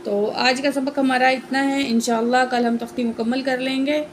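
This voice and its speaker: Patient woman teaching slow spelling drills. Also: sits high, fairly even intonation, a little hiss or hum, rough recording. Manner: patient, spells out each letter and stretches words very slowly. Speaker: Quran reading teacher. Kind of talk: Quran reading lesson, slow spelling drills.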